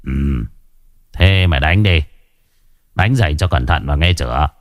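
A man's voice: a bass voice, animated, unhurried, no echo, clean studio sound, pitched below the performer's own voice. A man voicing an arrogant, swaggering rich man who swears and mocks in a coarse way. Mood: contemptuous.

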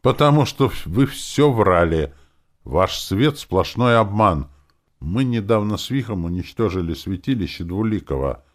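A headstrong young woman with a sharp, mocking tongue, as a male audiobook reader puts her on. She sits well above the reader's low voice and speaks with loud, insistent force. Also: lively intonation, moderate pace, natural voice. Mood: defiant. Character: bold headstrong young woman, defiant daughter.

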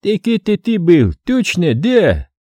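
A man's voice: sits high, huge pitch swings, unhurried, warm tone, slightly rough, no room sound, pitched above the performer's own voice, heavily acted. A man voicing a menacing, sly armed militant who holds others captive, giving orders and mocking them in an audiobook. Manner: mocking, commanding, feigning surprise. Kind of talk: audiobook character reading.

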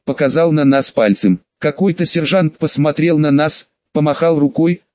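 A male audiobook narrator reading steadily in a first-person voice. His voice sits a bit high, and the sound is dry and slightly dull. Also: normal speed, a little mellow, no echo.

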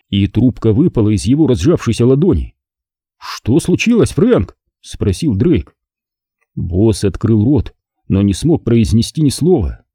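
A man narrating a crime novel as an audiobook in a measured, expressive reading, close to the mic. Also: medium pitch, husky, no room sound.

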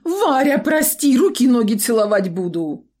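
A cowardly middle-aged trader, put on by a woman reading a story, bleating and sobbing in a high, cracking voice. He swings wildly up and down as he begs, fawns and whines for mercy. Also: sing-song, unhurried. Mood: wailing pleading. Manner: whining, pleading, sobbing.

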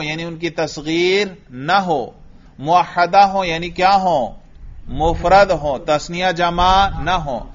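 Patient male teacher drilling a student; fairly high voice, muffled recording. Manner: patient, quizzing and praising the student. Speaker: teacher of Arabic grammar. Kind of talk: classroom grammar drill. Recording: dull lo-fi recording.

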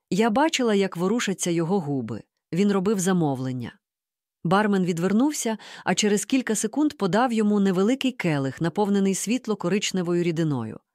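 Woman narrator for a storybook audiobook, animated pitch, dry close mic. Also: no echo. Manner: lively, expressive first-person storytelling. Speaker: audiobook reader.

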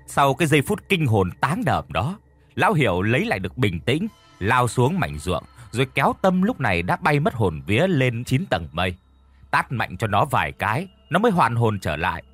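A man tells a horror story in a husky voice that rises and falls with lively pitch. Soft music plays quietly behind him. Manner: vivid, dramatic storytelling.

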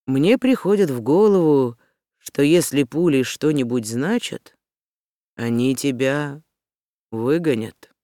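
The audiobook reader voicing a calm old wolf who leads the pack and speaks low and unhurried. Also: no room sound, studio quality, lightly acted.

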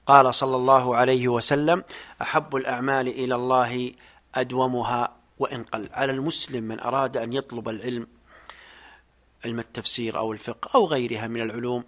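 A man's voice: mid-range voice, fairly bright tone. Male religious teacher lecturing in formal Standard Arabic. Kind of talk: religious lesson on Quran exegesis.

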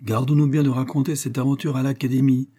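A man voicing an earnest, excitable professor in a storybook reading, a little higher and more animated than his narration. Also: quick pace, slightly rough, lightly acted.

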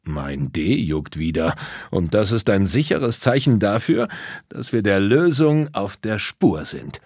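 A man voicing a clever, thoughtful little storybook hero who speaks slowly. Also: fairly low pitch, very animated, a little mellow, husky, no echo, studio quality, heavily acted. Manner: slow and thoughtful. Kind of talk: storybook character voice.

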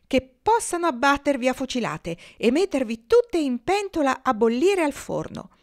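A woman's voice: high-pitched, lively intonation, unhurried, voice pushed up. A woman doing huffy, scolding farmyard geese. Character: sulky, offended farmyard geese.

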